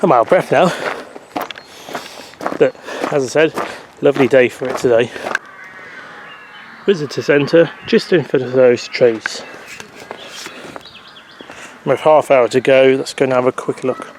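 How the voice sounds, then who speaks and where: A man's voice: medium pitch, fairly even intonation, a little slow, pauses often. Chatty man vlogging outdoors. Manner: chatty, rambling, self-correcting. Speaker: travel vlogger. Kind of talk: casual walking vlog commentary. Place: outdoors in countryside and on a rail platform. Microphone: handheld camera mic. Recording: faint outdoor background noise.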